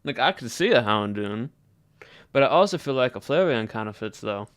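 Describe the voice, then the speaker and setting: A man chats with livestream viewers, musing in a loose drawl with a put-on American Southern accent. His medium-pitched voice is animated, clear, and resonant, with a fairly bright tone and a moderate pace. The recording is dry.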